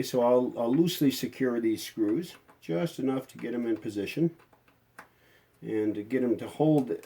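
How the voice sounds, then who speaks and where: A middle-aged restorer with a mellow, mid-range voice presents a hands-on repair, narrating casually in a folksy manner and chatting through his thoughts as he works.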